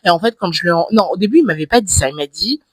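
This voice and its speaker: A woman's voice: on the low side, lively intonation, very fast, no room sound. Chatty podcast host woman, dry sound. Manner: chatty, agreeing often, laughs easily. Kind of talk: casual conversational interview.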